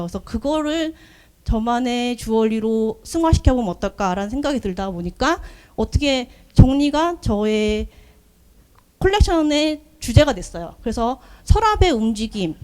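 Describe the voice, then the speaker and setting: Woman in her thirties, higher voice, earnest, soft-spoken, storytelling, business showcase talk. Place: event hall.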